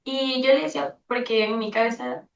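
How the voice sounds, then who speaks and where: Creaky-voiced young woman, animated storyteller. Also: fairly high pitch, moderate pace. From Venezuela. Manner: animated, retells conversations with lively back-and-forth. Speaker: focus group participant. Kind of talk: personal storytelling in a group discussion. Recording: distant, roomy, dull group recording.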